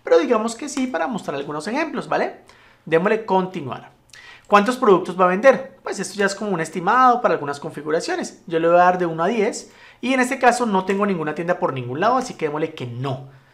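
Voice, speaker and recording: A man giving a relaxed, chatty step-by-step web tutorial, often checking in with his viewers. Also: high-pitched, quick pace. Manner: frequent checking tags like "¿listo?" and "¿vale?". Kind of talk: casual screen-recorded tutorial.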